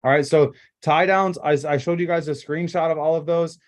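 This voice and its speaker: A man with a fairly high voice coaching a sales team over a video call from home. He talks in emphatic, rambling bursts, full of fillers and restarts, in a casual and direct way. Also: steady tone, normal speed. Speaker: sales trainer.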